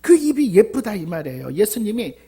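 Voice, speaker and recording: A woman's voice: mid-range voice, very animated, a little fast, dark tone, slightly rough. A woman pastor preaching a sermon in a church, repeating key words and asking the congregation rhetorical questions.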